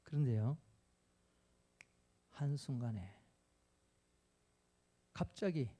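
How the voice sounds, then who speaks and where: A man's voice: mid-range voice, expressive, drawn-out words, warm tone. A male pastor preaching a sermon, telling a personal story and acting out his own pleading, tearful prayers.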